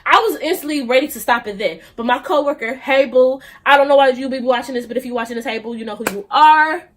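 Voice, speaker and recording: A young woman telling a storytime vlog, sassy and animated, with slangy asides to her viewers. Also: high voice, fast, slight background noise. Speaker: vlogger.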